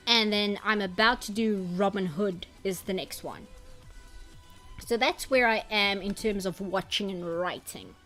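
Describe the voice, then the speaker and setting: A woman streamer in casual chat who rambles and reads out chat comments. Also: fairly high pitch. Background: faint background music.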